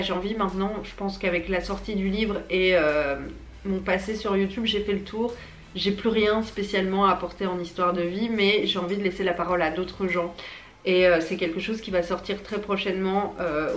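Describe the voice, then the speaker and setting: A woman's voice: medium pitch, fairly even intonation, moderate pace. Young woman with braces, echoey room. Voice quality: speaks with dental braces. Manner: informal, slangy, chatty. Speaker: YouTuber and small business owner. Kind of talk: casual unscripted chat to viewers. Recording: echoey room, faint background noise.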